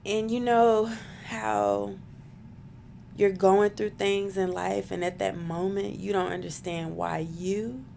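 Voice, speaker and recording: A woman's voice: medium pitch, fairly even intonation, slow pace, creaky, darkish tone, a little hiss or hum. A woman in her thirties telling a personal faith story to camera, earnest and close to tears. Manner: earnest, emotional, spiritual storytelling. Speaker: vlogger.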